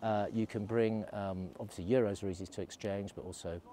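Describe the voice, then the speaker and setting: A man's voice: on the low side, fairly even intonation, fairly quick, warm tone, slight background noise. A middle-aged man, vlogging in a chatty, rambling way while out on a snowy ski slope, filming himself at arm's length. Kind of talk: casual vlog while skiing. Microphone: selfie camera at arm's length.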